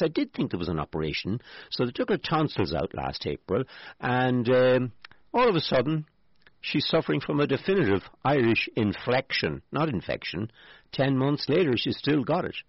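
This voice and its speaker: A male radio host reads a news item in a relaxed, chatty way and breaks off for dry jokes. His pitch moves about a lot and his voice has a slight huskiness. The sound is dry and a little dull, with faint music underneath. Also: no echo. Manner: wry asides, lively intonation. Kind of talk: casual radio chat reading a news story.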